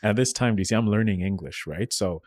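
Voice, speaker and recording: A young man from Kenya with Swahili as his first language talks through memories on a podcast, often tagging his sentences with a questioning "right?". His voice sits fairly low, and the recording is close and dry with no room sound. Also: quick pace, dry recording. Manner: reflective storytelling, frequent "right?" tags. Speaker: podcast guest. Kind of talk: casual podcast conversation.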